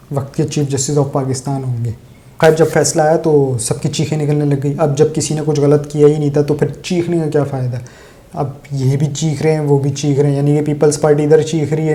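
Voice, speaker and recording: A man's voice: fairly high pitch, warm tone. A man from Pakistan delivering sarcastic, opinionated solo political commentary straight to his viewers.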